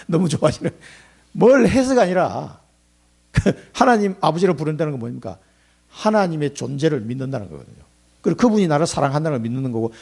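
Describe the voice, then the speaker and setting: A man's voice: fairly high pitch, creaky, a little mellow, slightly rough. A middle-aged male pastor giving a conversational sermon, telling stories with chuckling asides.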